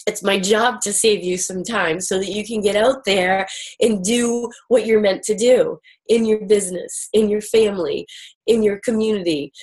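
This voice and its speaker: A woman's voice: mid-range voice, moderate pace, darkish tone, breathy edge. A woman host speaking casually and candidly about herself, in a confessional style with emphatic repetition. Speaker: show host sharing her own journey.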